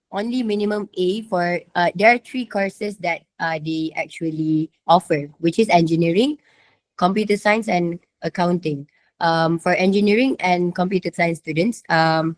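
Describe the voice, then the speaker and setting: A young woman with a Malaysian accent, sick with a sore throat and fever, giving a hesitant, informal slide presentation as a student. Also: lowish voice. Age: young adult.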